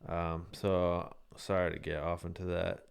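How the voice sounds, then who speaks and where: A man's voice: sits low, little pitch movement, unhurried, gravelly. A man hosting a live-streamed show, talking casually and ranting in a heated, profane way. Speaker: livestream show host.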